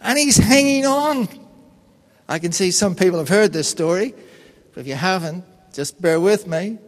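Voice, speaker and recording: A man preaching a sermon in an unhurried, conversational and personal way, telling stories. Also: high voice, lively intonation, big-room sound. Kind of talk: sermon with storytelling.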